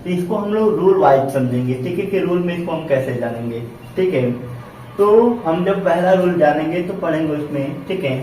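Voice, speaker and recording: Male teacher, classroom lesson, slightly high voice, keeps asking and answering his own questions, very echoey room, distant mic. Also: a little mellow, a little hiss or hum. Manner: repetitive, checks in with "ठीक है" constantly, asks and answers own questions. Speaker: English teacher.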